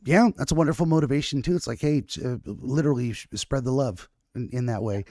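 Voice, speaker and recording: A man hosts a podcast in a casual conversational interview, rambling with many restarts and self-corrections. His mellow, medium-pitched voice moves at a quick pace, recorded with clean studio sound and no room sound.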